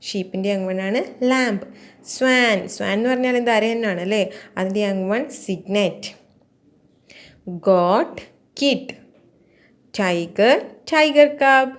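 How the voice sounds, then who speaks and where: A woman teaching young children, slowly repeating each word so they can learn it. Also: medium pitch. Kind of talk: children's vocabulary lesson.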